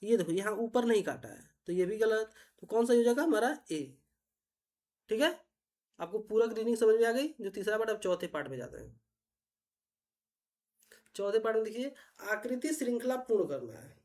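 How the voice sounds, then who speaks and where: A woman teacher, patiently explaining reasoning puzzles step by step and often asking if it is clear. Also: fairly high pitch, lively intonation, moderate pace, long pauses, a little mellow. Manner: patient, repetitive, checks understanding often.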